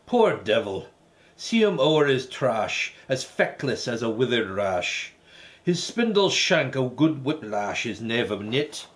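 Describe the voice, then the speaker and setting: A man voicing a theatrical poem reciter in a put-on Scottish accent, declaiming loudly with rolling emphasis. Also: medium pitch, sing-song, slow.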